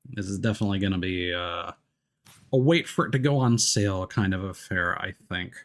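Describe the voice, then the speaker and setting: A man with a deep voice livestreams a video game, offering laid-back, noncommittal commentary at a fairly quick pace. Game music plays in the background of this casual gameplay talk.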